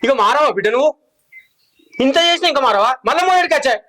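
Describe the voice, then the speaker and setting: A man's voice: extremely high pitch, animated, quick pace, sharp tone, full character voice. An older man, playing a weary village father who scolds and pleads with his stubborn daughter.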